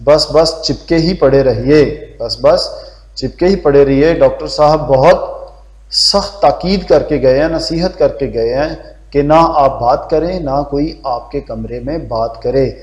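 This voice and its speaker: A man's voice: a little high, darkish tone, natural voice. A male teacher voicing an insistent, chattering middle-aged wife as he reads a play aloud. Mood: fussing. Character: fussy middle-aged wife of a sick man. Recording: roomy dull lo-fi classroom recording.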